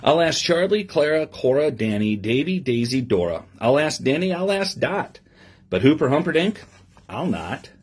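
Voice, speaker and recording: A middle-aged police lieutenant reads a story to children in an expressive sing-song voice, fairly high in pitch and at normal speed, adding simple asides to his young listeners. He's indoors in a small office, and the recording has clear background noise with clicks.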